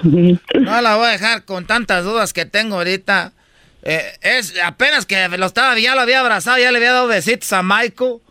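A man's voice: sits high, brisk, pushed and bright, clear, resonant tone, no room sound. A man hosting a radio comedy show, joking and teasing his co-hosts. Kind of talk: casual radio banter.

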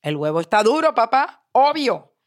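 A woman voicing a cheerful, curious young daughter, speaking brightly and playfully. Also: high voice, animated, a little slow, voice pushed up.

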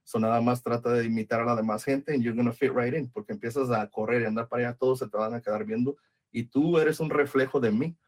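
A man's voice: mid-range voice, steady tone, fast talker. Guy from veracruz, crude slang, mixes in english, just chatting. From Veracruz, Mexico. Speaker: podcast co-host. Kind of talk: casual chat.

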